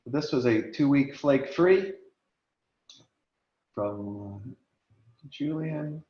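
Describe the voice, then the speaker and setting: Over an echoey, lo-fi video call, a meeting host shares his screen and talks casually, full of fillers, while losing his voice and clearing his throat. He speaks very slowly in a medium-pitched, warm, animated voice.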